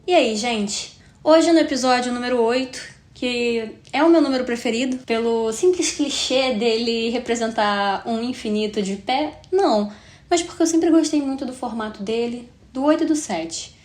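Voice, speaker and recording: A woman's voice: fairly high pitch, normal speed, darkish tone, soft background music. Roomy-sounding Carioca woman in her twenties. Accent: Carioca Brazilian Portuguese. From Rio de Janeiro, Brazil. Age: 20s. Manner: chatty and reflective, frequent tag questions. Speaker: podcast host. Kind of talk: solo podcast monologue. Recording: roomy echo with faint hiss.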